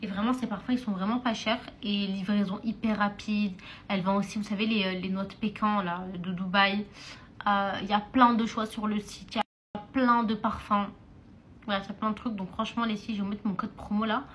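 A woman's voice: mid-range voice, fairly even intonation, a little fast, fairly bright tone, slight background noise. A young woman chatting casually in a vlog, often turning to her viewers as girls. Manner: chatty, keeps addressing viewers as "les filles". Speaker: vlogger. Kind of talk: casual vlog chat to followers.

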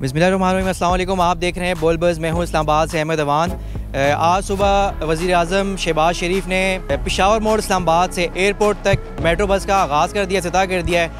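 Young male reporter, fairly high voice, handheld mic, loud music bed underneath. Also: steady tone, fast. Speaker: field reporter. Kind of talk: on-the-spot news report. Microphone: handheld microphone.

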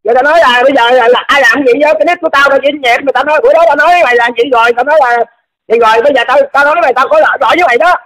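A man's voice: very high voice, very fast, sharp tone. A man, arguing defensively on a phone call, stammering and repeating his words. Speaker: caller in a dispute. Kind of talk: heated phone argument.

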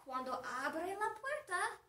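A woman teacher telling a simple story to her class, speaking slowly and with plenty of repetition, and stopping to ask the students questions. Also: extremely high pitch, big pitch swings, pushed and bright, far from the mic. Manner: slow, deliberate and repetitive. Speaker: language teacher. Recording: echoey room, away from the mic.

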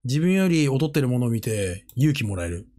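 Animated, laughing male streamer. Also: medium pitch, brisk. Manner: animated and joking, often bursting into laughter and slipping into mimicked voices. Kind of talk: casual livestream chat.

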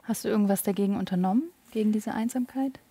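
A woman interviewing a guest, giving short encouraging responses and asking gentle follow-up questions. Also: medium pitch, fast talker, slightly rough. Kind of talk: conversational interview.

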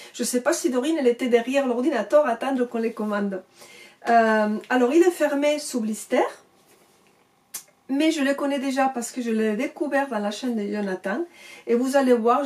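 A woman's voice: a little high, darkish tone. A woman with a non-native French accent chatting casually as she unboxes and reviews an oracle card deck. She gushes and keeps repeating her praise.

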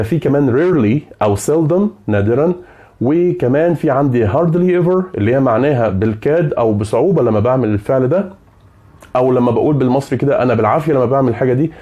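Man, Egyptian Arabic accent, teacher, warm low-bright voice, rapid explanatory delivery. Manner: checks in often with "okay?" and "right?". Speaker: English teacher. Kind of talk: explanatory grammar lesson.

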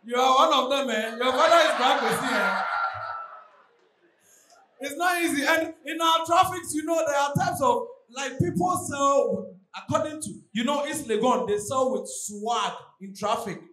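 High-pitched Ghanaian man doing stand-up. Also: normal speed. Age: young adult. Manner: animated, exclamatory, acting out characters and street calls. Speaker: stand-up comedian. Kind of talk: stand-up comedy routine to a live audience. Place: large hotel hall with seated audience, on stage. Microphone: handheld microphone. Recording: echoey hall PA with faint noise.

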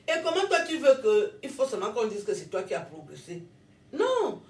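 A social media personality with a Cameroonian French accent films herself ranting to her followers, scolding, repeating herself and laughing between lines. Her voice sits on the high side with big pitch swings at a normal speed, recorded from a distant mic in a reverberant space.

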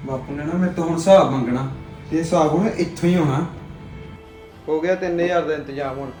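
A man plays a sneaky young son in a homemade family drama. He talks fast and conspiratorially, his voice a little high. The room is echoey, and loud music plays over it. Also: lightly acted. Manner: hurried, conspiratorial muttering. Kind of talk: Punjabi family web drama.

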